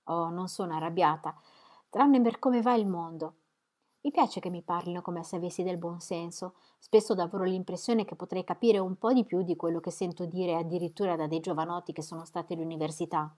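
A woman voicing a spirited, sharp-witted young woman in an audiobook, her lines brisk and pointed and pitched above her narration. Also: natural voice. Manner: brisk and pointed, higher and louder than the narration. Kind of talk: audiobook reading.

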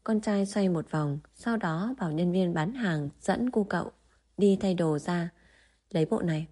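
Mellow woman reading a novel aloud. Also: on the low side. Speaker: audiobook narrator. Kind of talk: scripted narration.

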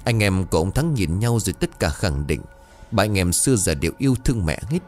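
Low-voiced man narrating a ghost story. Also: very animated, brisk, a little mellow, faint music behind. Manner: dramatic, suspenseful.

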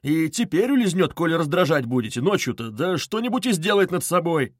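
A man voicing a tipsy young man, loud, blustering and drunkenly emphatic. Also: a little high, sing-song, brisk, no room sound, studio quality, voice pushed up. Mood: urgent. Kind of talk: audiobook character reading.

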